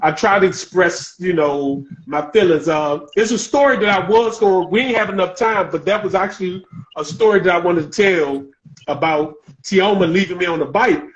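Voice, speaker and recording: A man hosting a relaxed podcast chat on a live video call, talkative and quick to laugh. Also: sits high, muffled recording. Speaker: podcast host. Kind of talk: casual chat.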